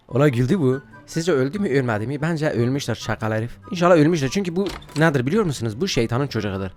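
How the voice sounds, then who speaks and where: A man casually commenting on a video game, playfully scolding and shouting, with frequent laughter. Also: medium pitch, expressive, fast talker, hardly any pauses, soft background music. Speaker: gaming YouTuber.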